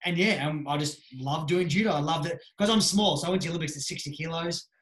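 This guest is an Australian judo coach in his thirties, relaxed and filler-heavy as he chats in an interview. He has a somewhat high, slightly bright voice and a quick pace. The audio comes from a webcam video call in a small home room with echo.

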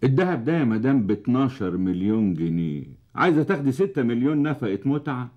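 An actor playing a pragmatic, measured lawyer advising a client, in a TV drama. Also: male voice, mid-range voice, very animated, highs cut off, close to an everyday voice. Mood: probing. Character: shrewd calm lawyer. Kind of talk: TV drama acting.

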